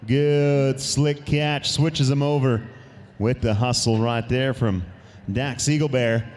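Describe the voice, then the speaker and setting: A man calling tie-down roping runs live at a rodeo, quick and upbeat, and joking with a co-announcer between runs. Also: medium pitch, steady tone, darkish tone. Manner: quick, upbeat calls with easy laughter. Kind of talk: live rodeo commentary and banter.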